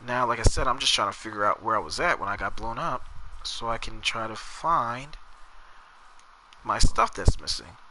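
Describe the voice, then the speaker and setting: Talking to chat as he plays, a New Jersey man with a New Jersey accent rambles casually through his own gameplay on stream. He has a medium-pitched voice and keeps a moderate pace. There is background noise, with game music behind his voice.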